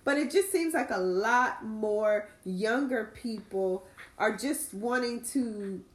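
Slow-talking woman in an echoey room. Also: fairly high pitch, animated. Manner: hesitant, thinks aloud with many fillers. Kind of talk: casual chat about a reality show.

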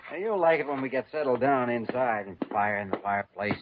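An actor playing an earnest young radio doctor. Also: male voice, mid-range voice, expressive, brisk, lightly acted. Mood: placating. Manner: earnest, placating. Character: young male doctor, earnest and eager to please. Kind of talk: 1950s radio drama acting. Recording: dull old radio broadcast with faint hiss.

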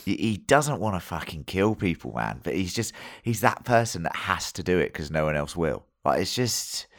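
Very deep-voiced man in casual banter. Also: very animated, moderate pace, dry recording, studio quality. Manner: sweary, matey and jokey banter. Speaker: podcast co-host. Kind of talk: casual review chat.

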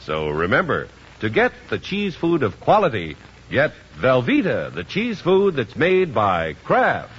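A man's voice: mid-range voice, wildly swooping pitch, a little slow. A man announcing a 1950s radio show with a polished, emphatic sales delivery. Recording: dull 1950s radio recording with music.

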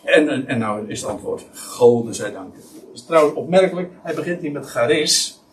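A man's voice: fairly high pitch, fairly quick, slight background noise. A man preaching a Bible-teaching sermon, emphatic and full of restarts. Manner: animated, emphatic, many restarts. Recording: voice somewhat far from mic.

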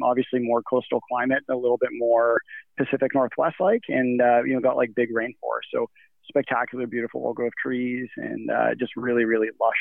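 Heard over a tinny, phone-like call in a dry recording, a Nigerian guest with a creaky, medium-pitched voice talks casually in an interview. He rambles, restarting often and filling gaps with fillers.

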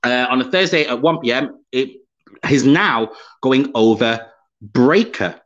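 Here a podcast host from the United Kingdom chats happily through viewer comments during a live stream, often breaking into laughter. His mid-range voice is expressive and unhurried, a touch bright, and the recording sounds somewhat muffled and lo-fi.

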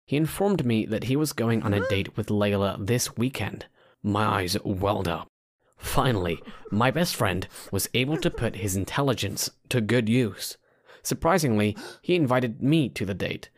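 Low-voiced man, storytime vlogger narration. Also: expressive, moderate pace, no echo, studio quality. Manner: storytime vlogger addressing listeners directly. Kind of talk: scripted first-person storytime vlog narration.

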